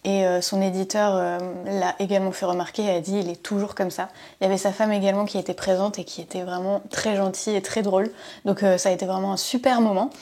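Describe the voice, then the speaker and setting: A woman's voice: mid-range voice, level tone, fast talker, darkish tone. A woman in her late twenties, a bookseller from France, chatting casually in a book haul vlog with many fillers, sometimes reading passages aloud. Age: late 20s.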